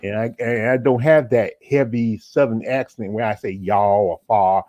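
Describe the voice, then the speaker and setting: Man, from North Carolina, dark mellow tone, dry close sound, casual sports talk, rambling. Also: mid-range voice, steady tone, normal speed, dry recording, dull audio. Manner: rambling, many restarts. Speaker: podcast host.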